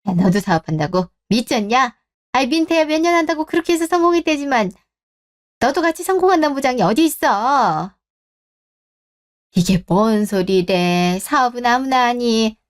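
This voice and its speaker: A woman's voice: on the high side, animated, moderate pace, natural voice. A woman voicing a blunt, worried middle-aged mother who scolds her son in a radio drama. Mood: scolding. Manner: scolding, exasperated questions.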